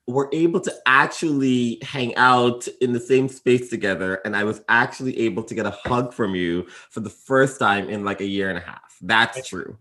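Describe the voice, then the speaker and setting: A man's voice: medium pitch, normal speed, hardly any pauses, sharp tone. A man co-hosting a casual podcast chat, playful and teasing, laughing often. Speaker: podcast co-host.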